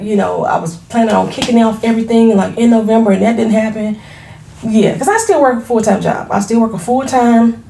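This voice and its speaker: A woman's voice: mid-range voice, gravelly, dark tone, reverberant. A woman in her forties, a small business owner, chatting frankly to camera at home, laughing easily and using casual slang. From Florida. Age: 40s. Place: her home, products on shelves behind.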